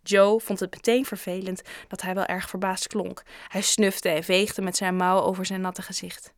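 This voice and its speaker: A woman narrating a children's story in a steady, even reading voice. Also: medium pitch, moderate pace, no room sound, studio quality. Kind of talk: audiobook narration.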